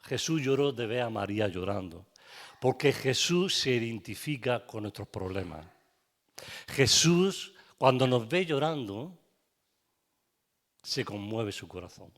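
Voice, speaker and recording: A man's voice: medium pitch, expressive, unhurried, fairly bright tone. A man with a Spanish accent preaching a sermon as pastor in a church, asking his congregation questions and adding frequent amens. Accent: Spain.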